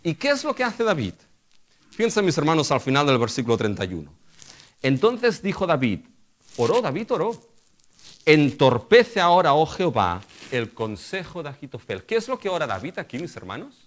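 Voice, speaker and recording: A man's voice: on the high side, huge pitch swings, fairly quick. A middle-aged male pastor delivering a sermon. He keeps asking the congregation rhetorical questions and addressing them as brothers.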